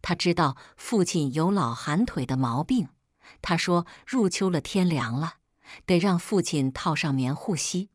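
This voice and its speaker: A woman calmly narrating a family story in the first person, as a read-aloud storyteller. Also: deep voice, measured pace, no room sound, clean studio sound.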